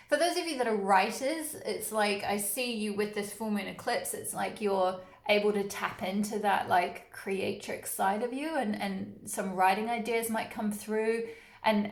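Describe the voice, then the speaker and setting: A woman from New Zealand with a New Zealand accent, giving a casual, rambling tarot reading with many fillers and restarts. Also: medium pitch. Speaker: tarot reader. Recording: roomy echo.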